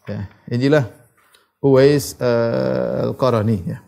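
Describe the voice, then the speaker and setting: A man giving a religious lecture, reciting Arabic narrations and retelling them in a lively storytelling way. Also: mid-range voice, slow pace, gravelly. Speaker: Islamic preacher.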